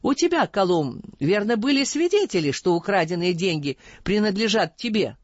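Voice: mid-range voice, sing-song, moderate pace, dry recording, dull audio. A reader voicing a stern, just older caliph who questions sharply, in an audiobook. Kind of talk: audiobook reading.

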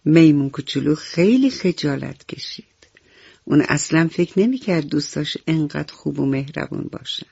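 A woman narrating a bedtime story for children on the radio, slow and affectionate. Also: deep voice, expressive, creaky, husky, no room sound. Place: radio studio. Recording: dull lo-fi radio recording with soft music.

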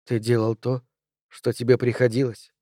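A man voicing a tender young woman, the hero's lover, in a soft hushed tone. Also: mid-range voice, flat delivery, normal speed, no room sound, studio quality, lightly acted.

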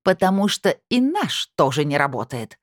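A woman's voice: low-pitched, sing-song, normal speed, dry recording, clean studio sound. A woman reading an audiobook, voicing an imperious, grumpy older woman who snaps and barks. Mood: indignant. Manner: loud, snapping, indignant.

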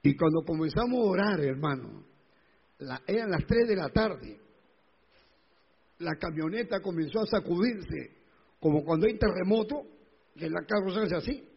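A male pastor telling a personal testimony in a sermon, emotional and rising to loud pleading. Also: high voice, lively intonation, normal speed, vocal fry, pauses often, breathy edge, highs cut off.

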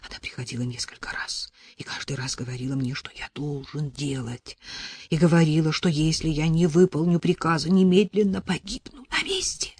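A man's voice: on the high side, moderate pace, husky, dry recording. A man reading an audiobook, voicing a terrified, tearful male drunk who calls himself a prophet. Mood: frightened. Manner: tearful, panicky, pleading.

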